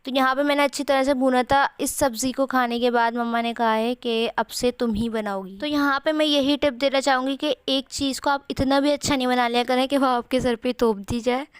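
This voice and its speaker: Young woman vlogger with a sore throat, smooth, steady voice. Chatty, rambling voice-over, dry close mic. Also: high voice, a little fast, hardly any pauses, no room sound. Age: young adult. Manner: chatty, rambling, many fillers. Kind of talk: home cooking vlog voice-over.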